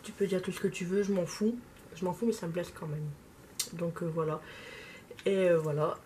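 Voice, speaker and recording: Brief: young woman vlogger with a slight lisp, halting casual chat, faint noise behind. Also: fairly low pitch, mellow. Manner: hesitant, many fillers. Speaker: makeup vlogger. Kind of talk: casual talk while doing makeup.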